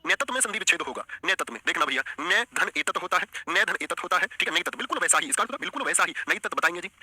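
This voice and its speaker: A man's voice: high-pitched, expressive, fast talker, pushed and bright. A man teaching an online exam-prep lesson, coaxing the class and repeating his questions.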